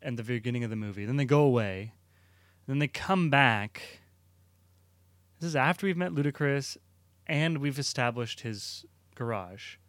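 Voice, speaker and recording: A young man co-hosts a casual film podcast, thinking aloud with hesitant, rambling sentences. His voice is mid-pitched for a man. The recording is dry and close-miked. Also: normal speed, long pauses, a bit bright, dry recording. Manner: rambling, hesitant, many fillers and restarts. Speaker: podcast co-host. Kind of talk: casual movie review chat.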